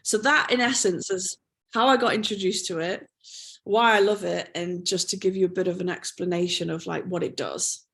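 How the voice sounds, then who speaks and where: A woman's voice: lowish voice, steady tone, moderate pace, vocal fry, a bit bright. A woman practitioner explaining trauma release exercises as an interview guest, patient and explanatory, checking in with "okay?" and "you know".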